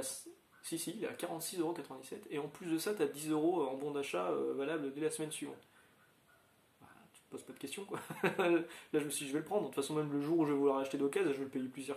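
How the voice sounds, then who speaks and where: A man's voice: fairly high pitch, darkish tone. Male host, casual rambling chat, slightly raised voice, echoey room. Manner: rambling, chatty, many fillers and restarts. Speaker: channel host.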